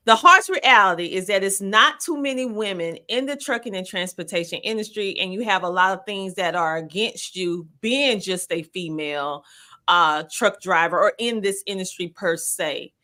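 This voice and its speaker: A woman's voice: medium pitch, animated, a little slow, pushed and bright. A woman hosting an interview, asking direct questions in an earnest manner. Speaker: host.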